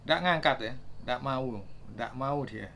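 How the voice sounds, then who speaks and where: A man's voice: medium pitch, measured pace, a bit bright, a little hiss or hum. A man casually demonstrating chargers, thinking aloud and reading out numbers with many fillers. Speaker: gadget reviewer. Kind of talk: casual product demo.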